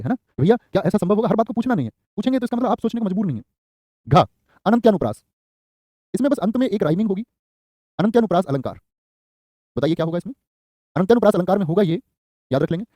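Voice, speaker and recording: Fast-talking, high-voiced male teacher. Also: dark tone, no room sound, studio quality. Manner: quick, repetitive dictation, calls students by name. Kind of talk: live online exam-prep class.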